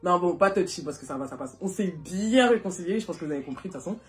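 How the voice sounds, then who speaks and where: A young woman from France telling a casual storytime to her viewers, animated and chatty, filling her talk with little asides and laughs. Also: on the low side, fast. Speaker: vlogger. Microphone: phone.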